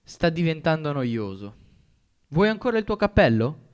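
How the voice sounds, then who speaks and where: A man voicing a sarcastic teenage boy bully in an audiobook, with a slow mocking drawl. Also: on the high side, very animated, clean tone, lo-fi sound, pitched above the performer's own voice. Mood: taunting. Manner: mocking, drawn-out taunting delivery. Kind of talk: audiobook character voice.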